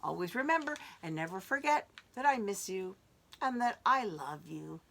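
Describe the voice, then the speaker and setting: A woman reading a picture book aloud to children as a librarian, animated and inviting them to join in, dropping to whispers for suspense. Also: mid-range voice, moderate pace, creaky, slight background noise.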